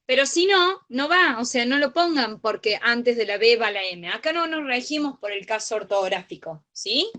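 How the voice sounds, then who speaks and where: A woman's voice: a little high, animated, normal speed, few pauses, pushed and bright. A young woman with a Rioplatense accent teaching an online grammar study group, patient and checking understanding often. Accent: Rioplatense Spanish.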